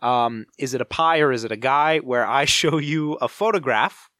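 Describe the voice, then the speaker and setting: Young man, podcast banter. Animated, mock-grandiose delivery, mid pitch, very little room sound. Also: normal speed, no room sound, studio quality. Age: young adult. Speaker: podcast co-host. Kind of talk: bantering comic chat.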